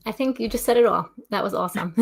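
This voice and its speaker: A woman's voice: a little high, vocal fry, husky. A woman guest in a casual interview, speaking in a friendly, practical way. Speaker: guest, tech consultant.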